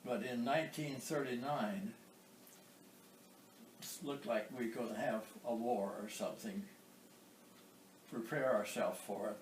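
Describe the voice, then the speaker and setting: An American war veteran in his nineties recounts memories of his past in an oral history interview, speaking haltingly with pauses and throat clearing in a mid-range voice. The recording is roomy, from a distant microphone, with some background noise.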